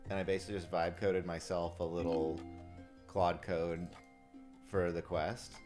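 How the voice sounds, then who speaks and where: A man with a very deep voice talking excitedly about coding tools. He swears casually and laughs often. Faint guitar music plays underneath. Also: unhurried. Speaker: software developer chatting on a call. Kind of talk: casual chat.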